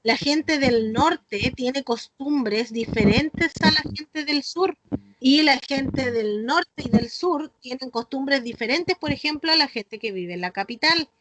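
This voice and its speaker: A Chilean woman teaches children over a video call, explaining patiently and checking that the class follows along. Her voice sits high. The line carries clear background noise. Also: slow, fairly bright tone, poor audio. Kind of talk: online class.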